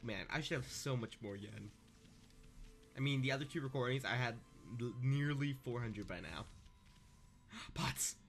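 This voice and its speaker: A man's voice: mid-range voice, normal speed. A young man giving casual, sarcastic commentary over a video game he is playing, breaking off into joking asides. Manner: sarcastic, joking asides, wanders off mid-sentence. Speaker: let's-play gamer. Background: faint game music.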